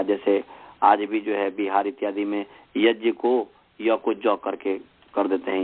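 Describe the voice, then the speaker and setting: A man from India teaches a recorded Sanskrit pronunciation lesson at a very unhurried pace. He explains patiently, repeating terms and acting out each fault. The sound is thin and tinny, like a phone line. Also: fairly low pitch.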